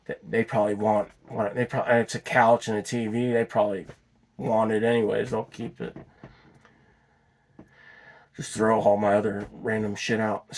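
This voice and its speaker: A man's voice: on the low side, a little mellow. A man telling a long personal story off the cuff, rambling, restarting and swearing as he goes. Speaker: vlogger telling his story.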